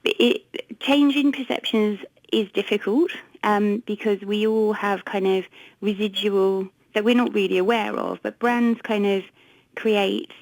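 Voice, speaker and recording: A woman with an English accent talking as a research director on a radio interview, brisk, wry and explanatory. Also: medium pitch, fairly even intonation, no echo, low-quality recording. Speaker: consumer research director, studio guest. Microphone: studio microphone.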